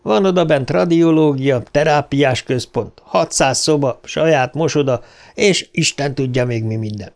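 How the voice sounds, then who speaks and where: A man's voice: medium pitch, close to an everyday voice. A man voicing a chatty, coarse middle-aged taxi driver in an audiobook, folksy and fond of repeating a pet phrase.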